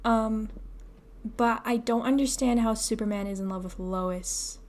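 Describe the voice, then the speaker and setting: A woman's voice: a little high, steady tone, measured pace, a little mellow. A woman co-hosting a podcast in casual chat, hesitant and filling gaps with um and like. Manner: hesitant, full of ums and likes. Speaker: podcast co-host.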